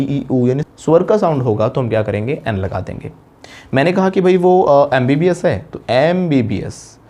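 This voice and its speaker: A man from India teaching English grammar in a classroom style, explaining step by step, asking rhetorical questions and slowing down for English examples in an Indian English accent. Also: fairly high pitch, mellow.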